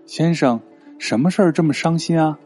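A man's voice: a little high, moderate pace, a little mellow, faint music behind, voice pushed up, natural voice. A man voicing a young king whose mood swings from playful to stern. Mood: puzzled. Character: young male king, playful then resolute.

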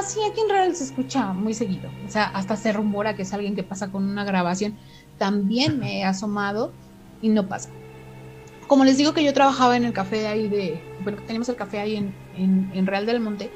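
A woman's voice: mid-range voice, expressive, brisk, soft background music, low-quality recording. A middle-aged woman with a Mexican accent tells a story in casual chat and acts out the quoted dialogue in shifting voices.

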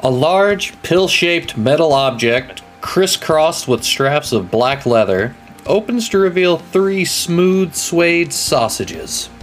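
A man's voice: fairly high pitch, sing-song, slow, slight background noise. A man narrating a tabletop role-playing game as game master in a casual style.

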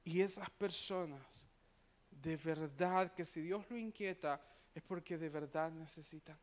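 A man's voice: a little high, a little slow. A man preaching to a church, telling personal stories. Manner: anecdotal, conversational, frequent tag questions. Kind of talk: sermon storytelling.

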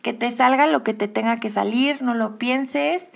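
Woman, Mexican Spanish accent, podcast host, raised pitch, gravelly fry, reflective and encouraging. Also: a little slow, muffled recording. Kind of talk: reflective casual monologue.

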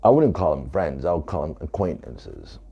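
Very deep gravelly man, emphatic. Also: wildly swooping pitch, moderate pace, muffled recording, a little hiss or hum. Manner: emphatic, repeating points. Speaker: author. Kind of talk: talking to camera about his book.

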